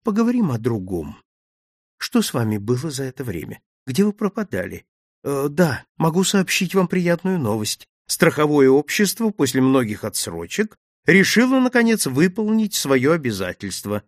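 A man's voice: fairly high pitch, big pitch swings, normal speed, no room sound, clean studio sound. A man voicing a young woman who is anxious and insistent, reading her lines in a lightly raised voice for an audiobook. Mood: earnest.

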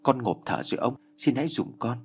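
A man voicing a terrified young woman who cries and pleads for mercy, in a husky voice. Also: medium pitch, expressive, brisk. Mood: pleading. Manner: crying and pleading.

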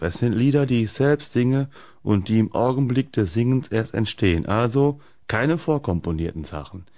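Deep-voiced man, dry deadpan reading. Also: dry recording. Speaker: radio host. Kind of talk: reading humorous texts aloud on radio.

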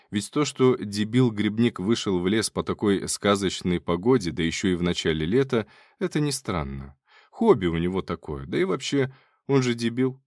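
Guy reading an audiobook, kinda low voice that jumps around a lot, dry sarcastic tone. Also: no echo. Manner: sardonic, wry, conversational. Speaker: audiobook narrator. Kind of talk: first-person audiobook narration.

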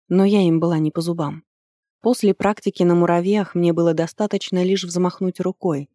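A woman's voice: fairly low pitch, dry recording, studio quality. Woman reading a fantasy audiobook. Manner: even, storytelling delivery with lively lifts on dialogue. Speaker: audiobook reader. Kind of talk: first-person fantasy audiobook narration.

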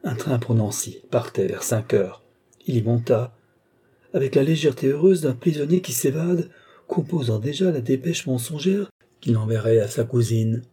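Warm, husky male story reader. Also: medium pitch, normal speed. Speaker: narrator. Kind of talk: scripted narration of a short story.

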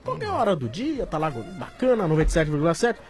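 High-voiced radio host reading ads. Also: male voice, huge pitch swings, a little fast, soft background music. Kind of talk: casual sports talk and live-read ads.

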